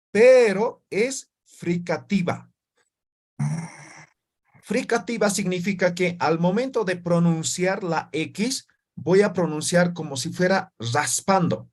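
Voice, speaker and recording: Man drilling syllables in an online class. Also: high-pitched. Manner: drills students with repeated syllables; frequent tag questions. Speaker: teacher.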